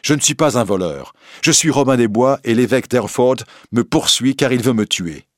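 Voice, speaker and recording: A man's voice: medium pitch, expressive, normal speed, dry recording, studio quality, voice pushed up, natural voice. A man voicing a bold, generous outlaw who speaks with confident, mocking politeness. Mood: assured, mocking. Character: bold, generous male outlaw, young adult.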